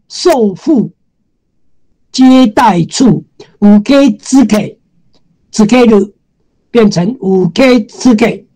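Woman teacher, Taiwanese Mandarin accent, slightly high voice, patient explanations. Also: warm tone, low-quality recording. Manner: patient, explanatory, repeats key terms. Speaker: Japanese teacher. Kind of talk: classroom lecture.

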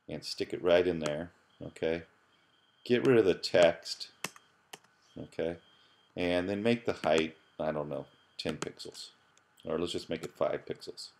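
A man's voice: sits low, darkish tone, slight background noise. A man, a computer science professor, casually talking through a screencast tutorial with loose, chatty phrasing and frequent restarts. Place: at his computer, voice-over on screen capture.

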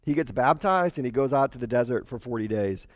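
Animated man preaching, dry close sound. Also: mid-range voice, brisk, no room sound. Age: 40s. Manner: conversational, animated, acts out quotes in character voices. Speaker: pastor. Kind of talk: sermon. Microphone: headset mic.

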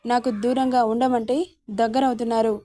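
A woman's voice: on the high side, level tone, normal speed, dark tone, natural voice. A woman voicing a hurt, fiery young wife who speaks in a pleading, reproachful way. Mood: upset.

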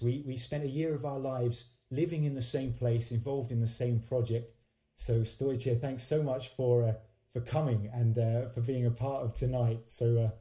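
With a warm, medium-pitched voice, a singer-songwriter in his forties hosts and shares casual stories between songs, often stopping and restarting his hesitant sentences. The setting is a small indoor home studio with a studio condenser mic on a stand, and the livestream sound is roomy and echoing.

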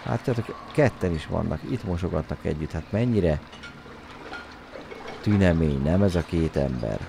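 Excitable man with a deep gravelly voice. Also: background noise. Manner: joking, excitable, shouts at his game character in a high voice. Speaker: game streamer. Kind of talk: let's-play commentary.

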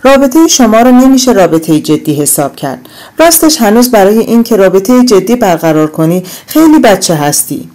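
A woman's voice: medium pitch, sing-song, lightly acted. A woman reading an audiobook, voicing a worried middle-aged mother who lectures her daughter firmly. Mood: blunt. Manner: firm, admonishing, forceful.

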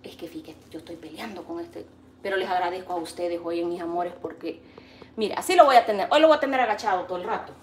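A woman with a Salvadoran accent, cooking at home and chatting with her live viewers, teasing and animated and full of pet names. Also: lowish voice, fast, recorded from a distance. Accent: Salvadoran Spanish. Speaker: cooking vlogger. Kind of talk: casual live cooking chat. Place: home kitchen. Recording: roomy kitchen, voice off-mic.

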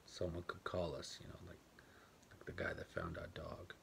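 A man acting as a deep-voiced, guarded, bitter grown man. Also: sing-song, moderate pace, creaky, slight background noise, heavily acted. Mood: subdued. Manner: clipped, quiet, plainspoken recollection. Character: grown man, guarded and bitter, recalling his mother leaving. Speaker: actor performing a film monologue. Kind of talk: stage monologue, told to a listener. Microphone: home webcam for an online event.

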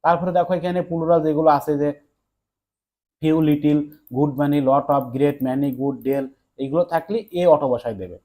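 A young man teaching an exam-prep English lesson, talking quickly to his students and telling them again and again to look at the board. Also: a little high, fairly even intonation, warm tone. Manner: rapid, repeats "look" to students.

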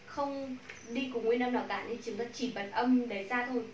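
A woman with a Vietnamese accent teaching English pronunciation to a class, modeling sounds slowly and repeating drills. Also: a little high, recorded from a distance. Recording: echoey room, from the mic, faint noise.

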